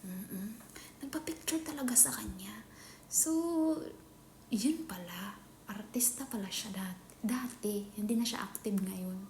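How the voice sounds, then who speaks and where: A Filipino woman chatting casually in a vlog, often dropping into a hushed whisper. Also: medium pitch, unhurried. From Philippines. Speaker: nanny vlogger. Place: employer's home. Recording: echoey room with faint ambient noise.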